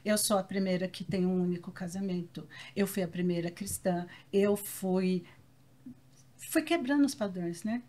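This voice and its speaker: A woman's voice: medium pitch, normal speed, warm tone. Woman sharing reflective faith stories. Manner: reflective, explains with stories and examples. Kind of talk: casual faith chat.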